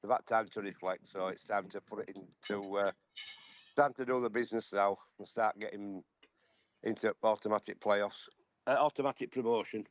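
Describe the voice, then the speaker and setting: A man giving blunt, halting football opinions over a remote call on a fan podcast. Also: lowish voice, steady tone. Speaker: podcast regular. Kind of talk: casual football chat.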